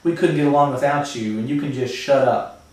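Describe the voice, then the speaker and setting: A man reading aloud and voicing a tough, joking teenage boy in a gruff, scolding way. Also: mid-range voice, brisk, darkish tone, natural voice. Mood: fierce. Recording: very echoey room, far from mic.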